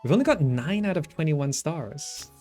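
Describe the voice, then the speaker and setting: A gaming video host with a slightly high, somewhat mellow voice talks animatedly at a moderate pace. His gameplay commentary is casual: he thinks aloud and often trails off while musing to himself. Game music plays behind him.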